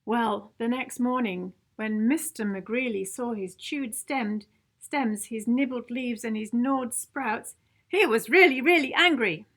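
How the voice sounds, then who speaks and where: A woman with a fairly high, fairly bright voice reads a picture book slowly to young children. She performs it theatrically and playfully, leaning into the sound words and stressing the adjectives.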